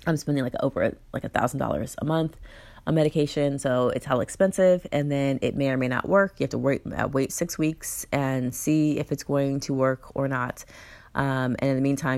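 A woman's voice: a bass voice, creaky, darkish tone. A woman giving a candid personal account in an interview, blunt and emphatic, swearing freely and often restarting her sentences.

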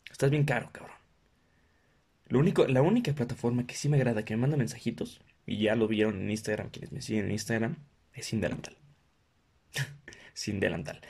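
His voice is mid-range, gravelly and husky. The young Mexican podcast host, speaking Mexican Spanish, rants casually for laughs with plenty of swearing while mimicking other people in exaggerated voices.

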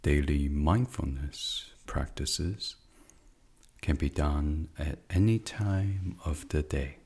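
In a hushed, soothing ASMR style, a man guides a sleep meditation, leaving long pauses and nearly whispering some phrases. His voice rumbles low and sounds slightly rough.

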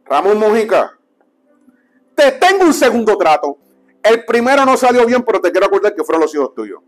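A young adult man, a preacher telling his testimony as a lively storyteller who acts out the dialogue. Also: fairly quick. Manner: animated storyteller, acts out dialogue and drops low for quotes.

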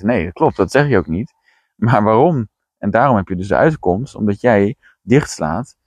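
A man with a very deep, low voice coaching listeners in a direct, no-nonsense way. His delivery is blunt and plainspoken. The sound is dry and close, with no room echo. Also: a little mellow. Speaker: podcast host and coach. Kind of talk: coaching monologue.

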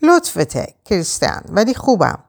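A tense, weary heroine. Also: female voice, mid-range voice, wildly swooping pitch, creaky, darkish tone, pitched above the performer's own voice. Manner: tense, curt. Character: anxious, weary female heroine.

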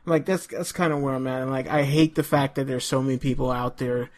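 A man's voice: mid-range voice, steady tone, brisk. Rambling man hosting a podcast. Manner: rambling, hesitant, many fillers. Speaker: podcast host. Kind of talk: casual podcast chat.

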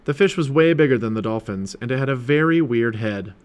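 A man reading a children's chapter book aloud as a parent, in an animated storytelling way. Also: mid-range voice, fairly quick, clean tone.

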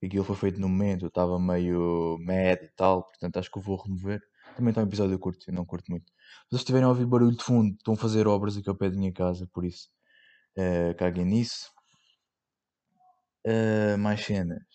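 A man's voice: deep voice, fairly even intonation, fast, dark tone. A young man with a European Portuguese accent, hosting a casual solo podcast, rambling in slang with many fillers and swearing. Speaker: podcast host.

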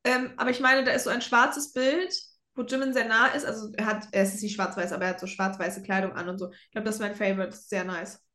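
A woman's voice: mid-range voice, steady tone, fast, bright, forceful tone. A young adult woman co-hosting a podcast in casual fan chat, sprinkling English words into her German. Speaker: podcast co-host. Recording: roomy, echoey sound.

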